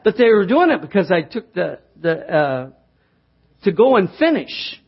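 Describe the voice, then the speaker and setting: A man's voice: high voice, very animated, normal speed, slightly rough. A middle-aged man preaching a sermon, telling a homespun story and building to fervent exhortation. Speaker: pastor. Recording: dull lo-fi sound.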